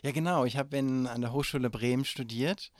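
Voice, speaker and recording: Speaking briskly in a medium pitch, this interview guest is a man from Germany in his forties. He replies hesitantly, full of fillers and restarts, and the recording is dry.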